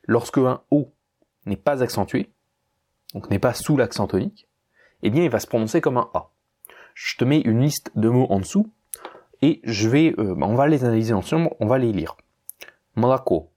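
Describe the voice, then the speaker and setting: A man's voice: mid-range voice, animated, normal speed, a little mellow. A man teaching a language lesson, explaining patiently and often rephrasing as he goes.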